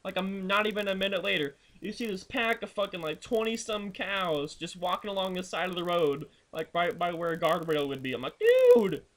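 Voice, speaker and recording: A man's voice: high-pitched, fairly even intonation, a little fast, few pauses, a bit bright. A young man in a video blog, ranting crudely and swearing constantly while telling road trip stories. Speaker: vlogger. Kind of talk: profane ranting vlog.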